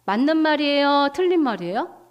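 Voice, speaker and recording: A woman missionary preaching a testimony sermon, telling a story with lively asides and questions to the audience. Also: high voice, a little fast, highs cut off.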